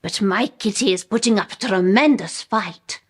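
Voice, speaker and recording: A woman with a Polish accent performing a comic monologue as a bemused storyteller, in short phrases with dramatic pauses. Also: medium pitch, husky, lightly acted. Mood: animated. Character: bemused woman telling an absurd personal anecdote.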